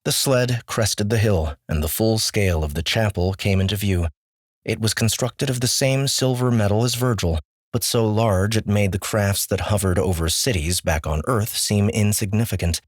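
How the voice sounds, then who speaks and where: A man narrating an audiobook with measured, steady storytelling. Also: fairly low pitch, no echo, clean studio sound. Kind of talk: scripted narration.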